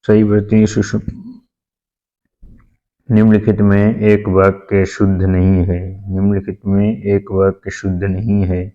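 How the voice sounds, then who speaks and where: Slow, deep-voiced man teaching. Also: mellow, highs cut off. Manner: slow, repeats answers aloud. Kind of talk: exam practice lesson.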